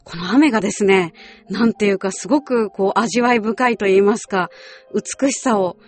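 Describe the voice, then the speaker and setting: With background music running under her voice, a radio show host who also does voice acting talks at a moderate pace in a mid-range voice. Her delivery is polite and scripted, sprinkled with casual, chatty remarks.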